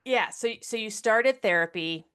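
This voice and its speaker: A woman's voice: mid-range voice, unhurried, a bit bright, clean tone. A woman hosting a podcast interview, asking questions and giving frequent short supportive affirmations. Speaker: podcast host. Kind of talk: interview conversation.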